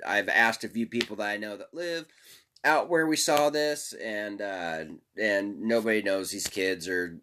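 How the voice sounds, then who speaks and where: A man's voice: lowish voice, measured pace, bright, forceful tone. A man hosting a podcast, telling stories in a rambling, profane, casual way and laughing often. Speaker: podcast host. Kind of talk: casual storytelling monologue.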